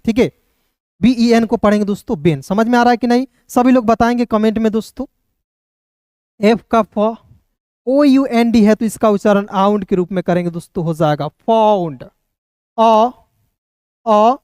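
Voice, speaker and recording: A man teaches reading by spelling each word letter by letter and then sounding it out. He speaks somewhat softly and keeps checking in with his viewers. The sound is dry, with no room echo. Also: high voice, smooth. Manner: keeps addressing viewers as friends and checking they follow.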